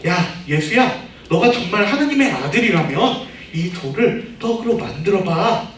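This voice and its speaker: A man's voice: high-pitched, expressive, normal speed, a bit bright, far from the mic, pitched above the performer's own voice. A man voicing a taunting male devil who coaxes and dares in casual speech, heard in an echoey room away from the mic. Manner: casual mocking talk, coaxing dares.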